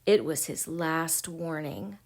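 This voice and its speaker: A woman reading a children's picture book aloud, gentle and expressive, sometimes dropping to a hush. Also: low-pitched, slow pace. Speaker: storybook reader.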